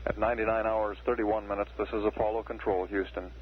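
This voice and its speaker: A man giving measured, matter-of-fact spaceflight status commentary as a mission control announcer. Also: on the low side, flat delivery. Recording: dull archival radio broadcast, faint hiss.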